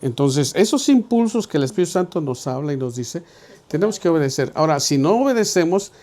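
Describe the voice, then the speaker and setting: The middle-aged man here is a pastor whose voice is a little high and dark-toned, expressive, and a little fast. During a Bible study sermon he tells stories in a conversational way, acting out what the characters say.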